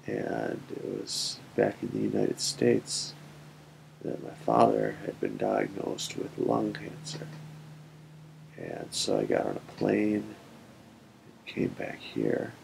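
A drunk young man rambling through a casual webcam vlog in a small room, meandering, with long pauses and a gravelly voice. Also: darkish tone, poor audio. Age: young adult. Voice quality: gravelly, creaky. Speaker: vlogger. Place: small wood-panelled room, indoors. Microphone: built-in webcam laptop microphone. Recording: faint noise, low rumble.

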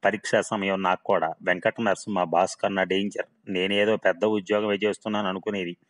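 A man narrating a humorous story in a wry, steady reading voice. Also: sits low, fairly quick.

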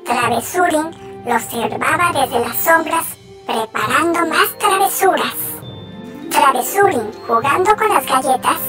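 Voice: high voice, a bit bright, distant mic. A narrator reading scripted bedtime stories for young children. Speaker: children's story channel narrator. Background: music.

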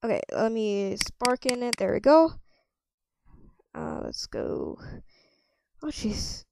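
A woman role-playing a cafe server in a game, chatting with customers and thinking out loud with lots of ums. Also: a little high, lively intonation, takes it slowly, gravelly, noisy background. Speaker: player running a cafe. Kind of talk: casual game role-play.

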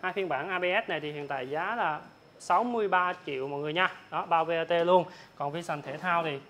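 Male, young, southern Vietnamese accent. Hard-sell price patter, extremely quick, repetitive and informal. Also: a little high, a bit bright. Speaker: motorbike salesman. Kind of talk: hard-sell sales pitch, listing prices. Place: large open-sided motorbike warehouse. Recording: clear ambient noise of open warehouse.

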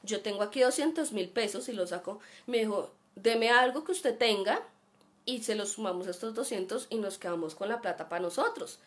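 A woman's voice: medium pitch, animated, a little fast. A woman with a Colombian accent teaching an online class and telling a personal story, acting out the voices of the people in it. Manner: chatty, acts out voices in her story.

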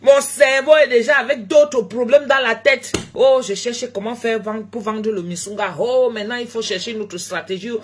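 Woman, raspy voice, higher pitch, tired, casual live chat, loud bursts then low mutters. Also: moderate pace, hardly any pauses. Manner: animated, swinging between loud exclamations and low murmurs; jokes in broken English. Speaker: food seller live-streaming on social media.

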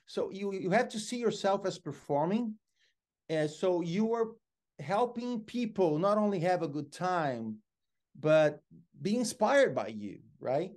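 A middle-aged Brazilian man, a native Portuguese speaker with a fairly high voice, tells lively stories as an interview guest. Speaking unhurriedly over a video call from his home office, he's animated and expressive, gesturing a lot.

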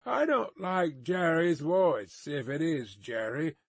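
A man voicing a gruff, suspicious armed coach guard in a storybook, with rustic old-fashioned speech and barked commands. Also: sits high, big pitch swings, slow pace, fairly bright tone, dry recording, voice pushed up, heavily acted. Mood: grumbling, suspicious. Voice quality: gruff, growling.

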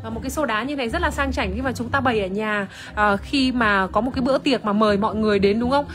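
This fast-talking woman, pitched fairly high with a slightly bright tone, demos wine in a relaxed livestream over soft background music. She uses lots of fillers and says hello to viewers by name, recorded on an iPhone's phone camera.

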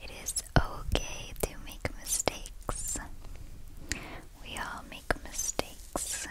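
Woman, whispered pep talk, ASMR affirmations, clicky breathy whisper, extremely slow, soothing and repetitive. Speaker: ASMR host.

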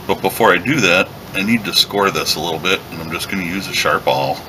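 A very deep-voiced man talks through a leathercraft job in a calm, step-by-step way as he works. He is recorded at his workshop bench, with a steady air conditioning hum clearly audible behind him. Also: a little fast. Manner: relaxed, step-by-step explaining while working. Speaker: leatherworking instructor. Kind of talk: hands-on craft tutorial.

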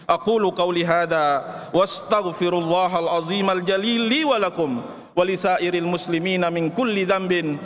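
High-voiced man preaching in a reverberant mosque. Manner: measured, emphatic delivery with Arabic recitation. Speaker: Friday preacher. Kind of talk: formal Friday sermon. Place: large mosque hall. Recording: long reverb of a big mosque hall.

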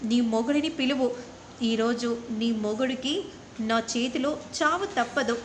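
A woman's voice: a little high, unhurried, slight background noise, lightly acted. A woman voicing an angry young man who makes threats, in a serial recap. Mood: furious.

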